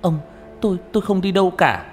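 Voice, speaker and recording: A man's voice: sits high, fairly quick, pitched above the performer's own voice, natural voice. A man voicing a terrified pregnant young woman who stammers and begs, in an audiobook with reverb and background music. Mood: frantic pleading. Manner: pleading, stammering, frantic.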